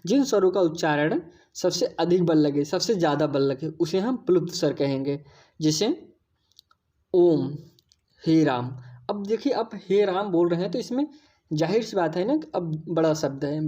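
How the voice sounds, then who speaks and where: A woman's voice: sits low, dark tone. A woman teaching an exam-prep lesson, explaining patiently, repeating key points and addressing viewers as friends.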